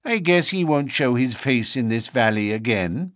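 A man's voice: medium pitch, expressive, normal speed, a bit bright, no echo, studio quality, close to an everyday voice. A man voicing a brash, callous treasurer. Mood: boastful. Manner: brash, boastful. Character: boastful male lodge treasurer, callous.

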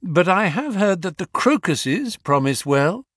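A man voicing a cool, polite gentleman detective with an imperturbable, wry manner in an audiobook story. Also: mid-range voice, big pitch swings, unhurried, no room sound, clean studio sound. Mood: bland, unruffled. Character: cool, bland, amused male gentleman detective.

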